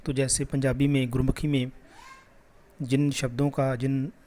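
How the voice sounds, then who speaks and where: A man's voice: medium pitch, flat delivery, mellow. Patient male Hindi teacher. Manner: patient, repeats sounds slowly for children. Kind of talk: classroom lesson.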